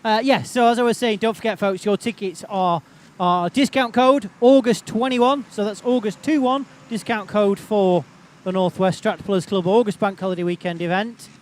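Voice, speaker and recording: High-voiced man, chatty tractor pull announcer. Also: moderate pace, hardly any pauses. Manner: chatty, rambling patter. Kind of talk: live unscripted event commentary. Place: outdoors at a tractor pulling event.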